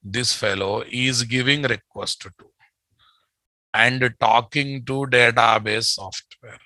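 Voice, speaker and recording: A man with a Telugu Indian accent teaches programming in a bright, forceful voice. He goes slowly and repeats his phrases, often addressing the class informally. The sound is close and dry. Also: medium pitch, fairly even intonation, no room sound, rough recording. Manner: informal, repetitive, addressing students as guys and boss. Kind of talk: live lecture with repeated phrases.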